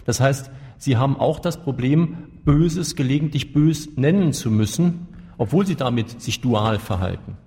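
A man's voice: mid-range voice, expressive, moderate pace, dark tone. A male interviewer with a middling voice asks searching, pointed follow-up questions. He sometimes hesitates and searches for words before pressing his point. The room adds a long, echoing reverb. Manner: thoughtful, hesitant with fillers, pressing follow-ups.

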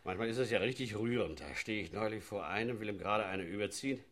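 A man's voice: lowish voice, fast talker, lightly acted. An actor playing a zealous policeman who gloats about using force in a satirical sketch. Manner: gloating, leering, lively. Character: zealous male riot policeman, relishing force. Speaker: policeman character.

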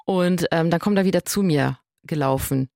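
Low-voiced woman telling a story. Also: moderate pace, creaky, no room sound, clean studio sound. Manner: lively storytelling, acts out quoted voices. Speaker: podcast co-host. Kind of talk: casual chat.

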